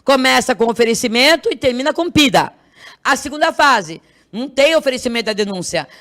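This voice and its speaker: A woman's voice: on the high side, a bit bright. A woman with a Brazilian Portuguese accent teaching an exam review class, quizzing the students with constant rhetorical questions and repeating key terms. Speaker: law exam prep teacher.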